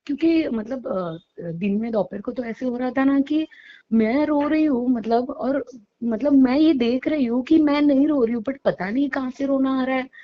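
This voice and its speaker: A high-pitched woman speaks haltingly and tearfully, still trembling after long crying. Her voice comes through muffled, lo-fi call audio. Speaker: caller. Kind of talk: emotional phone call to a guru.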